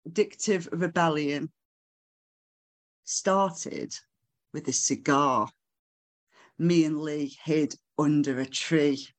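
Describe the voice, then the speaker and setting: Poet reading own work aloud, very slow and measured, relaxed asides with ums. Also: medium pitch. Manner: slow, measured reading broken by casual remarks and fillers. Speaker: author reading own poems. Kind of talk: live poetry reading with chatty asides. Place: live book launch event.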